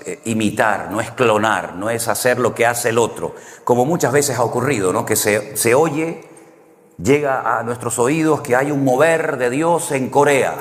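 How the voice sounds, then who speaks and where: Man, preacher, conversational sermon, tags points with a questioning "no?", long hall reverb. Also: medium pitch. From Canary Islands, Spain. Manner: anecdotal, ends points with a questioning "no?".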